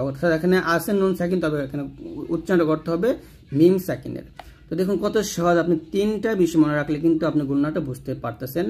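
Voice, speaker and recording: A man teaches tajweed. He explains each rule patiently, repeats the letter lists, and stretches the example words into slow chanted recitation. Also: a little high, darkish tone.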